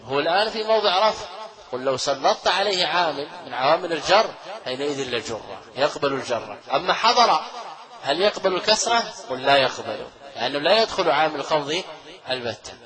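A man delivering a grammar lecture with a slightly high voice. He explains step by step, repeats key phrases and quizzes his students with rhetorical questions. He chuckles often while he teaches. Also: lively intonation, brisk, crowd noise, rough recording. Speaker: Islamic scholar teaching Arabic grammar.

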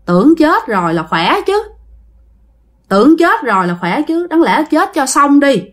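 A woman with a Southern Vietnamese accent voicing a calm, aloof old male exorcist master who speaks slowly and matter-of-factly. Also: high voice.

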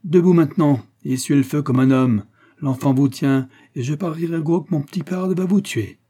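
A bold frontier scout in a storybook reading, commanding and sure of himself, voiced by a man narrating. The tone is mellow and dark, with a husky edge. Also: fairly low pitch, fairly quick. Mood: urging. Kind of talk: audiobook character reading.

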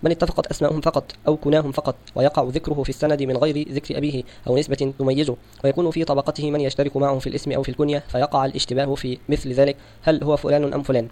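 A man reading a religious scholarly text aloud for an audiobook, in a steady, formal recitation. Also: mid-range voice, racing, few pauses. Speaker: audiobook reader.

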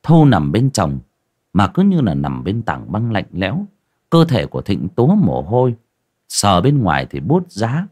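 A man giving dramatic, expressive scripted horror story narration, dropping low and hushed at eerie moments. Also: measured pace, husky.

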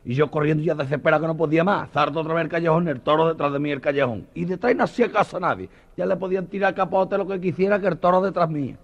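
Man doing a shrill, excitable banderillero. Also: quick pace, hardly any pauses. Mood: excited. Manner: breathless, high-pitched and excitable. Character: frightened, boastful male banderillero telling tall tales. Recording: dull cassette recording.

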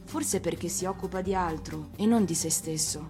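A woman's voice: fairly low pitch, normal speed, warm tone, faint music behind, natural voice. A woman voicing a curious little boy prince in a storybook, earnest, polite and full of wonder. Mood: musing.

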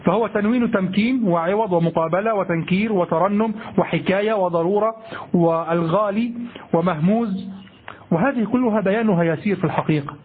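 A man's voice: high-pitched, a little fast, slightly rough, phone-quality sound. A man teaching a grammar lesson, explaining patiently, repeating points and checking with his listeners, at times chanting memorized verse. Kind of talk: classroom lecture.

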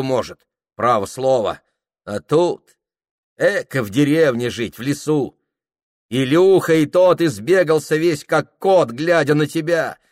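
Pitching his voice above its natural range, a man performs a grumbling older village cook who scolds in a folksy, sighing way. His voice is on the high side, and the studio sound is clean with no room sound.

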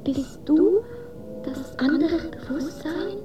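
An actress voicing a lonely, disembodied female consciousness in a radio play, in a slow whispered role-play, with loud singing-bowl music behind. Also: high voice. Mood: lonely, yearning.

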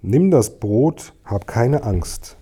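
A brave young boy speaks with firm, clear resolve, as a male reader voices him. The voice sits somewhat higher and louder than the reader's own, slow and a little husky, a storybook hero. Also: animated, exaggerated voice. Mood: determined. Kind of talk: audiobook reading.

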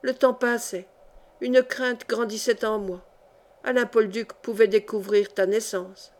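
This is a devoted noble mother, a countess who pours out fervent, tender words to her daughter, as a woman reads her in an audiobook. The voice sits a little high for a woman and stays close to the reader's own. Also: steady tone, unhurried, close to an everyday voice. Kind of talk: audiobook reading of a historical novel.

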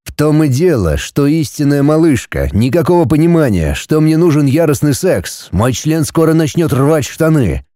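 A man's voice: on the high side, sing-song, moderate pace, hardly any pauses, dark tone, no echo, clean studio sound, voice pushed up. A man reading a domineering dragon lord. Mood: commanding. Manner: cool, curt and commanding. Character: male dragon lord, domineering, blunt and possessive.

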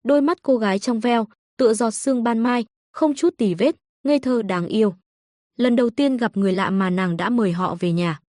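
A woman reading an audiobook story in a steady scripted narration. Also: a little high, normal speed, no room sound, studio quality.

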